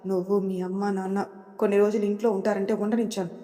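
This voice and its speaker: A woman's voice: mid-range voice, level tone, fast, warm tone, big-room sound, lightly acted. A woman voicing a harsh, possessive young husband who scolds and commands. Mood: angry.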